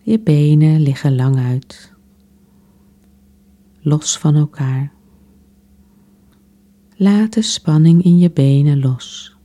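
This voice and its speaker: A woman softly guiding a relaxation exercise in a soothing, unhurried way, with long pauses between phrases. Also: low voice. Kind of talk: guided relaxation meditation.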